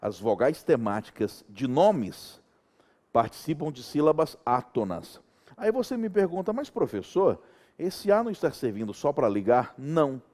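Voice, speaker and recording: Animated Brazilian man teaching grammar. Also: medium pitch, moderate pace. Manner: animated, checks in with students often. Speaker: Portuguese teacher. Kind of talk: grammar lesson.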